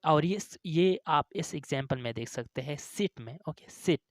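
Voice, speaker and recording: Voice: mid-range voice, lively intonation, unhurried, no room sound, studio quality. An English teacher explaining phonetic symbols, who ends nearly every phrase with "okay", draws out hesitant fillers, and repeats each sound and example word several times.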